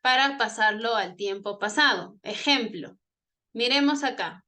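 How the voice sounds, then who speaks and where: A Spanish-speaking woman teaches an online English grammar class in a fairly high, pushed and bright voice, without hurrying. She explains patiently, repeats herself, and checks in with her students.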